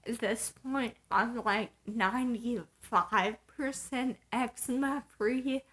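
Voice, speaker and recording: Very slow, breathy woman vlogger. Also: on the high side, a bit bright. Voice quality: breathy, airy starts to words. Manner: slow, halting delivery in short broken phrases. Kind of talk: casual personal vlog to camera.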